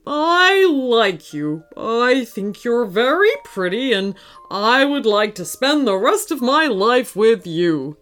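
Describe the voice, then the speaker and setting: Lady putting on a lovesick boy hippo, all dreamy and sing-song, slow. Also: a little high, very animated, clear, resonant tone, faint music behind. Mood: lovey-dovey. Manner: dreamy, lovey-dovey. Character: lovestruck shy male hippo.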